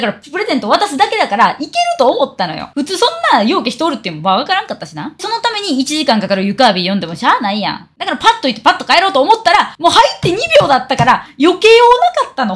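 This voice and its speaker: Young woman venting on stream, quick and blunt, voice sits a bit high. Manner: blunt, heated and ranting. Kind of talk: casual livestream chat.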